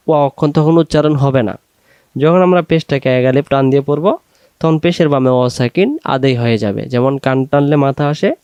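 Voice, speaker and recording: A man's voice: mid-range voice, a little mellow, no echo, dull audio. A man teaching Quran reading with a Bangladeshi Bengali accent, spelling out syllables one by one and then chanting the whole word drawn out. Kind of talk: step-by-step recitation lesson.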